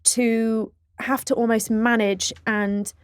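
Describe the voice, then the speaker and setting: A woman's voice: on the high side, level tone, slow pace, clean tone, no room sound, clean studio sound. Young woman hosting a podcast. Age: young adult. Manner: supportive, frequent short backchannels. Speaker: podcast host. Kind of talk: interview conversation.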